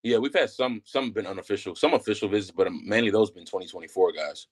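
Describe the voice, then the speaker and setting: Fast-talking man in casual sports chat. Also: on the low side, husky. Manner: quick, loose talk with many fillers and restarts. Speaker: guest analyst.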